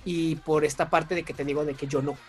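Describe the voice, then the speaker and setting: A man's voice: on the high side, steady tone, a little fast, faint music behind. A young man with a Mexican accent, chatting as an interview guest, talkative and self-mocking, laughing often. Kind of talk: casual chat.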